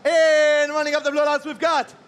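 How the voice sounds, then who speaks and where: A man working as an event MC, hyping up the arena and calling out teams with loud, drawn-out shouts. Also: very high-pitched, completely flat delivery. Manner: shouting, drawn-out hype calls. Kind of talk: hyped arena announcing. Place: large indoor competition arena. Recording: noisy arena with ambience.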